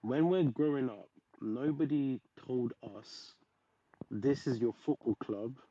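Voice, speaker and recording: A man's voice: medium pitch, dark tone. A man patiently explaining his point of view in a casual football debate. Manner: measured, explaining. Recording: muffled online voice chat.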